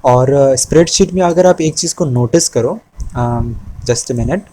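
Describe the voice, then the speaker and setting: A man's voice: medium pitch, a little slow, warm tone, rough recording. A young man, teaching a screen-recorded spreadsheet tutorial in a patient way. He repeats key terms and often checks in with the viewer. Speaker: Excel instructor. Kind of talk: screen-recorded tutorial, mixing Hindi and English.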